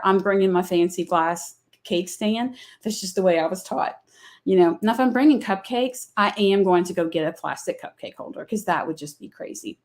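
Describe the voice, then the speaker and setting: A woman's voice: mid-range voice, a little mellow. A middle-aged woman with a Southern accent hosts a live craft product demonstration, chatting in a folksy, rambling way. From American South. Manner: chatty, folksy, explains with many fillers. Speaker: craft company host.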